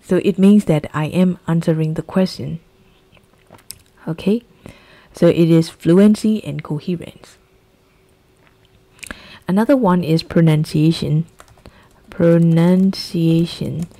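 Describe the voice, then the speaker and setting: A Burmese-accented woman from Myanmar teaches an English exam-prep lesson, slowly repeating key phrases as a drill. Her voice is lowish, steady, and dark.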